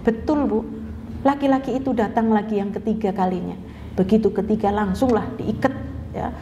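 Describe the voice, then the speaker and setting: A woman's voice: mid-range voice, fairly quick, mellow, a little hiss or hum. A woman teaching a religious study lecture in a chatty way, often checking in with her listeners. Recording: echoey hall with long reverb, dull sound.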